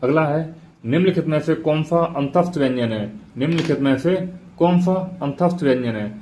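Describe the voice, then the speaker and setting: A man's voice: on the high side, normal speed, warm tone, a little hiss or hum. Man teaching, quizzing and repeating. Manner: asks the class questions then answers them himself, repeats key points. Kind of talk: exam prep lecture.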